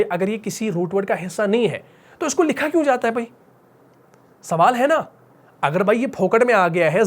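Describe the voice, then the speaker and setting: In a classroom-style lesson, a male Quran recitation teacher with a high voice explains a rule slowly and patiently. He repeats each point and keeps returning to rhetorical questions. On key terms he drops into a soft, slow, drawn-out whisper.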